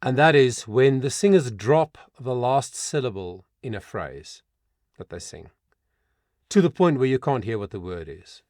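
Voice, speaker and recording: A man's voice: medium pitch, expressive, unhurried, a little mellow, no echo, clean studio sound. A middle-aged man working as a vocal coach, analysing a song and breaking into short sung demonstrations.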